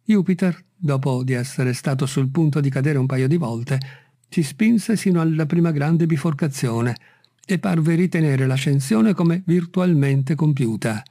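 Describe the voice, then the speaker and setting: Un uomo che legge ad alta voce un racconto, con una narrazione misurata e letteraria. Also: male voice, mid-range voice, mellow, no echo, studio quality. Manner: measured, literary reading. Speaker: audiobook reader. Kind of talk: scripted narration.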